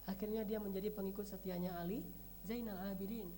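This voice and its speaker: A woman preacher telling a story in a sermon, animated and rising to emphatic peaks. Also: mid-range voice, fast talker, slight background noise.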